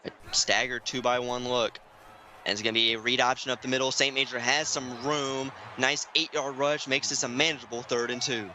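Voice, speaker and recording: Bright-voiced man calling simulated football. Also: mid-range voice, moderate pace, low-quality recording. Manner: hushed excited play-calling, rising to loud calls on big plays. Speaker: play-by-play announcer. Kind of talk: sports commentary. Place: home room, streaming.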